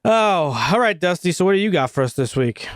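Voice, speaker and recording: A man co-hosting a film podcast in casual chat, animated and profane, often laughing. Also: sits high, fairly quick, dry recording, studio quality. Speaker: podcast co-host.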